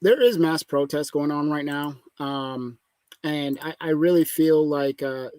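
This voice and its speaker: A man's voice: fairly high pitch, a little slow, darkish tone, dry recording. A man hosting a podcast, talking politics in an emphatic, opinionated casual chat. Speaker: podcast host.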